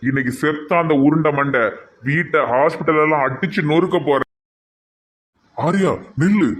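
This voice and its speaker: A man's voice: a little high, normal speed, a bit bright. A man voicing a hot-headed Tirunelveli cartoon youth. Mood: blustering. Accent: Tirunelveli Tamil.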